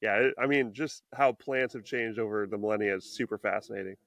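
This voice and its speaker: A man's voice: fairly low pitch, fairly quick, fairly bright tone, no room sound. A man hosting a podcast, chatting enthusiastically with his guest. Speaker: podcast host. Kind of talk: casual interview chat.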